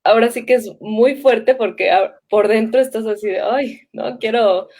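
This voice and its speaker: A woman teacher in a casual conversation, animated and quick to laugh, speaking. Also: on the high side. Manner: animated, laughs often, quotes people.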